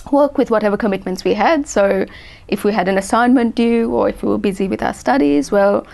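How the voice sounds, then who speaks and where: A woman in her forties from Sri Lanka, a guest in an interview, speaking thoughtfully with many pauses and restarts. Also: medium pitch, creaky, darkish tone. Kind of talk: interview conversation.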